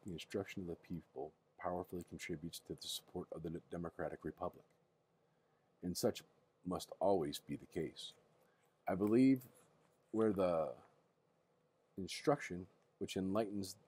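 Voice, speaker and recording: An older man with a grandpa voice reads a history book aloud in a casual bedtime manner, halting now and then and rereading words he stumbles over. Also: deep voice, mellow. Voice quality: husky grandpa voice.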